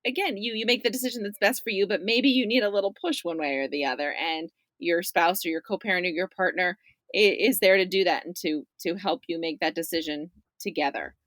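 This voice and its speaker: Her voice sits on the low side and sounds a bit bright, moving a little fast on a dry recording. This middle-aged podcast guest chats emphatically about her parents' views, frequently tossing in "right?".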